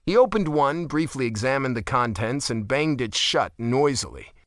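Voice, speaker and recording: A man reading a first-person romance audiobook with expressive, wry delivery. His pitch moves freely and lively through the lines. The studio sound is dry and close. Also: normal speed, dry recording. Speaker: audiobook narrator.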